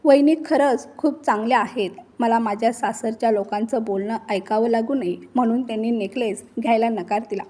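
A woman's voice: fairly high pitch, fairly even intonation, fairly quick, hardly any pauses, dark tone, lightly acted. A woman reading the lines of a kind, worried young married daughter in a story. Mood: earnest.

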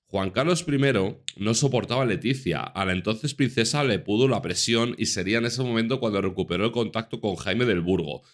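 A Spanish man in his thirties, talking in a small room indoors, comments on news articles and addresses his viewers directly. His voice is fairly low and brisk with few pauses. He sounds earnest and casual, repeating points to stress them.

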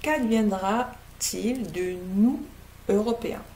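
A woman's voice: medium pitch, slow, dark tone, a little hiss or hum. A woman from French Guiana reviewing a novel to her webcam at home, hesitant and full of filler sounds. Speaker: book reviewer. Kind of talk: casual book review to camera. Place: living room at home, indoors. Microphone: laptop webcam, seated close.

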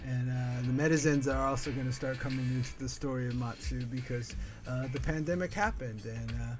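A man's voice: medium pitch, fairly quick, faint music behind. A middle-aged man from Northern California hosting his art channel, talking casually and earnestly with many fillers while he draws at a home desk. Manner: rambling, filler-heavy, earnest. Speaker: artist and channel host. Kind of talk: casual monologue while drawing.

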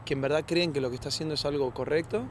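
A man's voice: on the high side, fairly even intonation, racing. Argentine-accented male actor, thoughtful interview answers, light city noise outdoors. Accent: Argentine Spanish. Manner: earnest, reflective, many restarts and tag questions.

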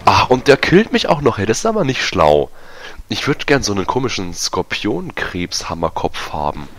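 A man giving casual, self-mocking commentary over a multiplayer match, his voice going hoarse. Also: lowish voice, huge pitch swings, normal speed, a bit bright, slight background noise. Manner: chatty, self-mocking, many fillers. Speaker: gaming YouTuber. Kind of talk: casual let's-play commentary.

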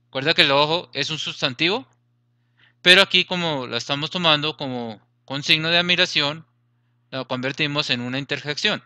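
A man's voice: on the high side, a little fast, pushed and bright, smooth, no echo. A man teaching a grammar lesson, explaining patiently, repeating points and checking that students follow.

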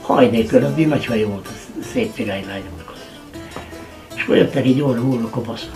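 An older speaker recounts the past vividly and with feeling. The pitch sits in a middle register, and clear music plays in the background. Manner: vivid, emotional recollection. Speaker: witness. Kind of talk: documentary interview.

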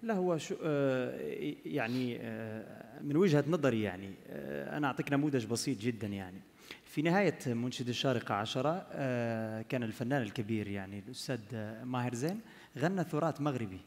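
A man's voice: mid-range voice, animated, fast talker, creaky, a little mellow. Hesitant young man from Morocco. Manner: hesitant, many fillers. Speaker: young panel guest, singer. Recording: long hall reverb.

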